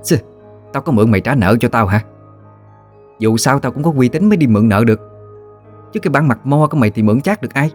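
A man's voice: medium pitch, animated, fast, long pauses, soft background music, pitched above the performer's own voice, close to an everyday voice. A man voicing a quarrelsome village wife who trades biting insults in a Southern Vietnamese accent. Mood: scornful.

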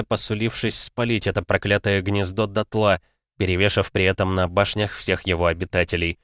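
Low-voiced man narrating an audiobook. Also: dry recording, clean studio sound. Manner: expressive, measured storytelling.

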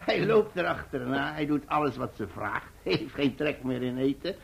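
An actor playing Peggotty, an older, hearty and emotional fisherman who talks in a rough, jovial way and laughs often in a radio play. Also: on the high side, moderate pace, a little hiss or hum.

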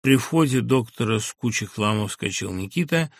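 Male audiobook narrator, measured expressive reading, gravelly voice, dry close studio sound. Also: medium pitch, no echo.

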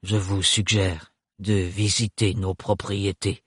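A man voicing a cold, blunt young man who speaks in a flat, neutral tone, from a storybook audiobook. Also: low-pitched, husky, dry recording, studio quality, voice pushed down, full character voice. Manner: flat, neutral, unhurried delivery.

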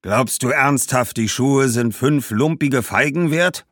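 A man's voice: medium pitch, expressive, measured pace, fairly bright tone, no room sound, clean studio sound, pitched above the performer's own voice. A man voicing a shrewd, grumbling middle-aged shoemaker who haggles skeptically.

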